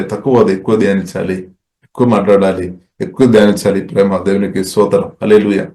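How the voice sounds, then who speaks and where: A man's voice: lowish voice, darkish tone, echoey room. A man preaching a sermon in a repetitive cadence, with frequent Hallelujahs and English words mixed into his speech.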